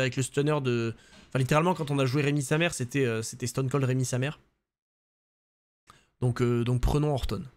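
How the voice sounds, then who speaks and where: A young man streaming a video game live, commenting casually with excited jokes and casual swearing, on a desk microphone at home. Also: medium pitch. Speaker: gaming streamer.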